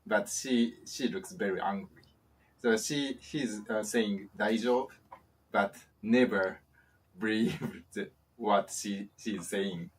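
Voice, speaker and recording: A man joining a casual lesson, speaking haltingly as he searches for his words. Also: on the low side, slightly rough, distant mic. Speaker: guest co-host.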